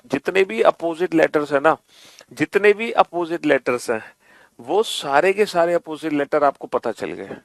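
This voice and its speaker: A man with a high, ringing voice leads an online reasoning class, repeating instructions and urging students along. His voice sits close and dry, with no room around it. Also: no room sound. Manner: coaxing, repetitive, calls students beta. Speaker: reasoning teacher.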